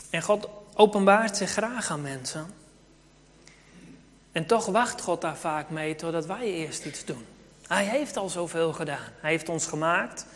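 A preacher delivering a sermon in a storytelling way, speaking to the children as well as the grown-ups. The voice is mid-pitched. It rings with the long reverb of a church hall. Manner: storytelling, addresses children in the congregation.

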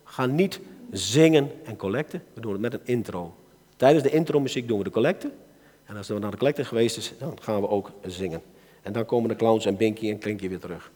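This sermon comes from a Dutch-accented man speaking briskly in a lowish voice to a church gathering. He alternates quiet asides with loud appeals to the crowd, and the hall's reverb is clearly audible.

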